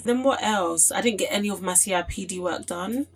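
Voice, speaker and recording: A woman's voice: medium pitch, fairly quick. A woman in her twenties with an Essex accent, co-hosting a casual group chat podcast. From Essex, England. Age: 20s. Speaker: podcast co-host.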